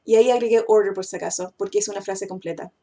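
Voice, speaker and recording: Teaching English pronunciation in a casual, explanatory way, a woman with a mid-range, steady, warm voice fills her pauses with frequent "eh" sounds as she thinks. She slows down and stretches out the English example words.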